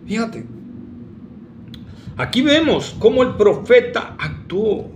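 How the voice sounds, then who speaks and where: A man's voice: high-pitched, very animated, takes it slowly, a little hiss or hum. A man preaching a sermon, emphatic and full of rhetorical questions to the congregation.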